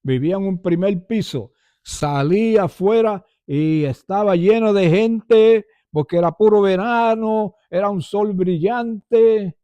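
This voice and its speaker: Older guy telling his faith testimony, slow and earnest, pretty high voice. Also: mellow, no room sound, lo-fi sound. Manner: earnest, addresses listeners as brothers. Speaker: believer giving testimony. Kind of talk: personal testimony.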